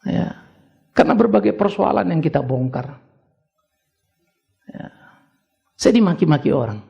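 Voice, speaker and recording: An older male pastor preaches with a strongly gravelly, creaky voice. He sits fairly high and swings widely in pitch, moving from chatty storytelling to sudden soaring exhortations. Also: animated, a little slow, highs cut off. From Indonesia. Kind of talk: sermon.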